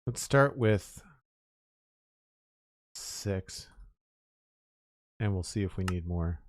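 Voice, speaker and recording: A young Nova Scotia man with a Canadian Maritime accent streams his gameplay, rambling casually to viewers and counting out loud. His voice is low, his intonation lively, and he talks very slowly on a dry recording.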